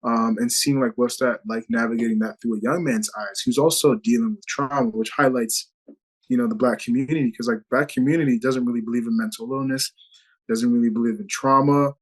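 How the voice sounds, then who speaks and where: A man speaks in a mid-pitched voice as a guest on a video call. He sounds earnest and reflective and often trails off with "you know." He talks loosely, as in casual conversation. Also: steady tone, fairly quick, low-quality recording. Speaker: actor guest.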